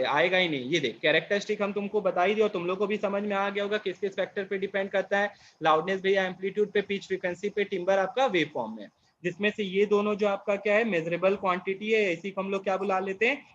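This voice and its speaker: A man's voice: high-pitched, fairly bright tone, highs cut off, slight background noise. A male physics teacher lecturing a class, explaining and then asking and answering his own questions. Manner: reads English definitions slowly, word by word.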